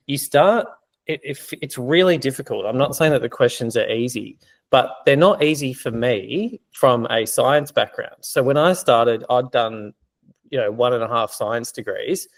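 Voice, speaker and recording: A man's voice: mid-range voice, moderate pace. Man tutoring casually in a Q&A. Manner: conversational, explaining with many fillers. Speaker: exam prep tutor. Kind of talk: casual teaching Q&A.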